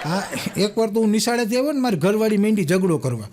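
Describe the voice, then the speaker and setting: A man's voice: high voice, sing-song, quick pace, background noise. A young man, telling jokes as comic stories and acting out the people in them. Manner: acts out the people in each joke, with punchlines. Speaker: stand-up joke teller.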